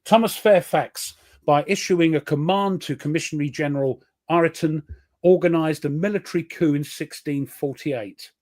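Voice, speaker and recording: Chatty British man, slightly higher voice. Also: normal speed, a little mellow. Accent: British English. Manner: chatty, jokey, reads history facts aloud. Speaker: host. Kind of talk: casual chat.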